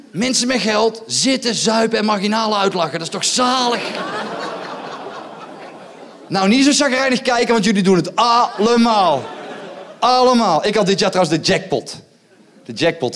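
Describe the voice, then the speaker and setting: A male stand-up comedian performs on a theatre stage in a fairly high voice. He talks loud and mocking and keeps goading the audience with quick rhetorical asides. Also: slight background noise.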